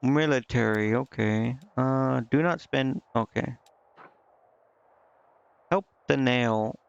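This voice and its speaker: Taking his time, a male game streamer offers laid-back live commentary, reading game text aloud and hesitating as he thinks through choices. His medium-pitched voice is creaky with a clean, echo-free tone, though the sound is lo-fi. Game music plays in the background.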